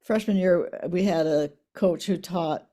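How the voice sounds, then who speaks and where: A woman in her eighties, reminiscing in a casual family interview, soft-spoken, her voice trailing off quietly at the ends of lines. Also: lowish voice, a little slow. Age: 80s. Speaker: interviewee, the mother.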